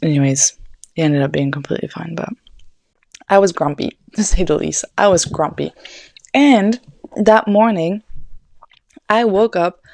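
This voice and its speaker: A woman's voice: on the low side, measured pace, creaky, long pauses, a little mellow, no room sound. A young woman hosting a podcast, telling a story in casual, rambling chat, swearing often and saying "like" a lot. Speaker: podcast host.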